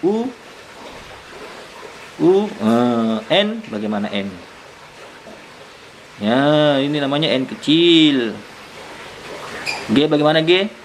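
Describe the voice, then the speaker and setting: A man's voice: mid-range voice, a little hiss or hum, rough recording. A man teaching a young child, patient and coaxing, asking many questions. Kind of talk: one-on-one lesson with a young child.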